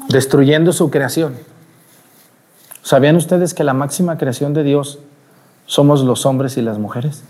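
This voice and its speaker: Priest preaching at mass, slightly high voice, animated, keeps asking the crowd questions. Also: male voice, a little slow, pauses often. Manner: animated, asks the congregation rhetorical questions. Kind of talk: sermon at mass.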